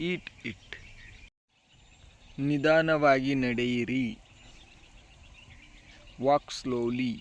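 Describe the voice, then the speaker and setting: A man teaching English phrases in a slow, deliberate drill, saying each phrase twice. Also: medium pitch, lo-fi sound, a little hiss or hum. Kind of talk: slow, repeated vocabulary drill.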